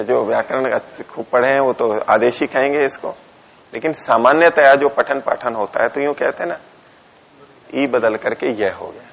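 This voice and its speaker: Man teaching a sanskrit text, husky gravelly voice, reads lines then explains them, answers his own questions, kinda muffled lo-fi sound. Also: mid-range voice. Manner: reads Sanskrit lines aloud and explains each one in Hindi; dictates punctuation to the students. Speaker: teacher of philosophy texts. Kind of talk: classroom text lecture. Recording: dull lo-fi lecture recording.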